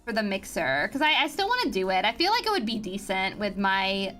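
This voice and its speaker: A woman's voice: medium pitch, very animated, brisk, a bit bright, soft background music. A young woman chatting with her viewers on a stream from home, giggly and teasing, with lots of restarts. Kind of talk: casual chat with stream viewers. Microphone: home streaming mic.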